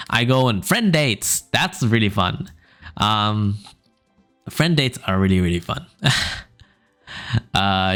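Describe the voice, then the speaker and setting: Over faint background music, a young podcast host with a smooth low voice reads out funny stories in a laid-back way. He rambles as he goes, his speech dotted with fillers and small laughs.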